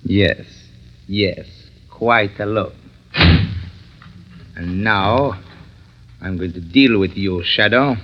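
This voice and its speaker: Cold, commanding radio crime boss. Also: male voice, lowish voice, extremely slow, long pauses, background noise. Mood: menacing. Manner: domineering, menacing, clipped orders. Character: cold, commanding male crime boss and self-styled mastermind. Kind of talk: 1930s radio drama acting. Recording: dull old 1930s radio recording.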